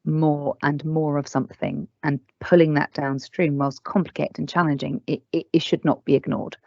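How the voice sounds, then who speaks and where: Her voice is low-pitched, creaky, and somewhat dark as she gives a webinar presentation and handles Q&A. She answers with earnest candor and stresses points about staff and families, all heard through dry, dull, lo-fi video-call audio.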